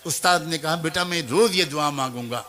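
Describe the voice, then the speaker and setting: Bright high-voiced man telling a sermon story. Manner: emotive, voices the teacher, child and mother in turn; addresses mothers and young people directly. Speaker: preacher.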